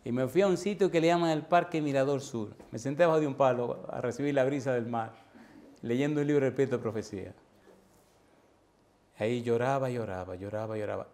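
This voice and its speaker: Pastor preaching, tells his story with animation, keeps asking the crowd questions, mid pitch. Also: fairly quick, a little mellow. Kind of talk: evangelistic sermon with altar call.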